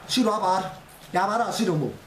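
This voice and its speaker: Excitable Neapolitan street-slang man, high-pitched. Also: fairly quick. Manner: Neapolitan street slang, crude dialect banter; excitable, taunting, repetitive. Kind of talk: casual banter while playing a football video game. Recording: echoey room, loud crowd noise behind.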